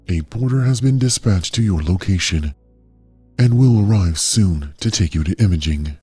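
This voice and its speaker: An actor playing a calm, coldly polite AI caretaker, a gentle care robot that speaks in a soothing, measured, clinical way. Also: male voice, on the low side, breathy edge, dry recording. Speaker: AI overseer of a medical trial. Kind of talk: audio drama narration.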